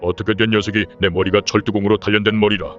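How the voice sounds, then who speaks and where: A thick-headed younger-brother villain played by a man with a low voice. He is boastful yet deferential to his elder, in wuxia audio-drama style. The audio is a bit dull, with music behind. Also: flat delivery, fast talker, natural voice. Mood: boastful, gleeful.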